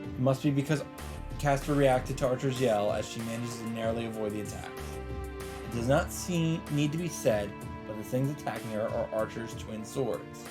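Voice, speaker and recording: A let's play host, a man with a mid-range voice, reads a visual novel aloud at a moderate pace in dramatic, scripted narration. Loud game music from the visual novel's soundtrack plays behind him.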